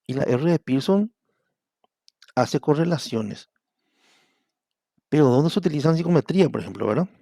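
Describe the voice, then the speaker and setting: A middle-aged man with a Paraguayan Spanish accent teaches an online university class. His voice is gravelly and dark. He talks in a patient, explanatory way and keeps asking the class whether they follow. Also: a little high, expressive, moderate pace, pauses often, dry recording, studio quality. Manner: explanatory, repeatedly asks "¿verdad?". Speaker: university lecturer.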